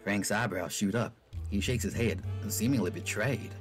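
A man narrating a first-person story in a relaxed, casual way. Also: fairly low pitch, moderate pace, over music. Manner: relaxed, casual, breaks off to laugh at his own slips.

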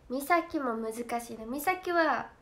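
A young woman with a Kansai accent chatting casually on a livestream for fans, giggly and talkative, slipping into quick impressions of friends. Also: sits high, lively intonation, a bit bright. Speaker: idol trainee streaming to fans.

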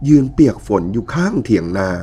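A man calmly narrating a ghost story in a measured storytelling manner. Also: mid-range voice, slight background noise. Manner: calm, measured storytelling with quoted dialogue.

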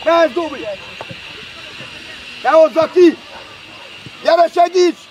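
High-pitched man coaching from the sideline. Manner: shouts short urgent instructions and player names. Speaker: youth football coach. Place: outdoor football pitch. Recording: crowd noise from an outdoor match.

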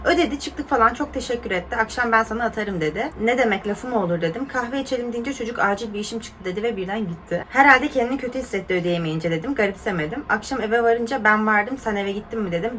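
Fast-talking young woman vlogger. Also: mid-range voice, slight background noise. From Turkey. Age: 20s. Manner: lively, exclaiming reactions and asides to viewers. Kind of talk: casual chat reading viewer stories.

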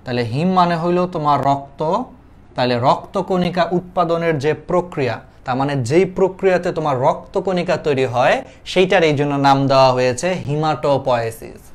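A man's voice: fairly high pitch, a little fast. A young man with a Bangladeshi Bengali accent teaching an online class, explaining terms, repeating them and asking students questions in a colloquial way. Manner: colloquial dialect forms mixed with English terms.

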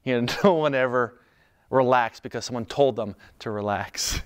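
A man preaching a sermon in an earnest, conversational way, dropping to soft, calm lines. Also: mid-range voice, moderate pace, clean tone. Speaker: pastor.

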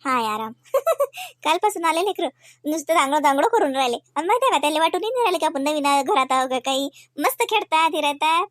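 A woman playing a homely aunt in a comedy sketch, talking gently and scolding the children a little. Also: high voice, lively intonation, quick pace, no echo, clean studio sound.

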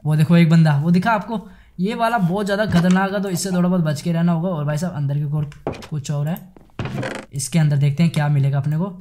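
A young man giving chatty, excitable commentary while playing a game, talking straight to his viewers. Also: fairly high pitch, quick pace, background noise. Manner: chatty, excitable, addresses viewers as guys and bhai sahab. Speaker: gaming YouTuber. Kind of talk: casual Minecraft let's play commentary.

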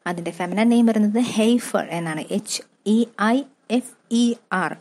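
A woman's voice: medium pitch, a little mellow. Malayali woman tutor spelling out vocabulary. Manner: slow, spelling words out letter by letter and repeating them. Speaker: exam-prep English tutor. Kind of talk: classroom-style lesson.

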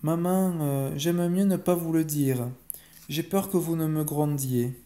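A man voicing a timid, tender-hearted little girl with a soft, pleading voice, in a bedtime story reading. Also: high voice, measured pace, pitched above the performer's own voice.

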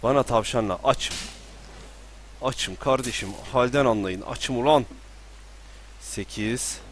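A young man streams a game from a room at home, his voice sitting at an ordinary middle pitch. He chats to himself in a loose, joking way and breaks into loud, panicked yelling when something startles him. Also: a little slow, slight background noise. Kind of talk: live gameplay commentary. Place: room at home with balcony door open.

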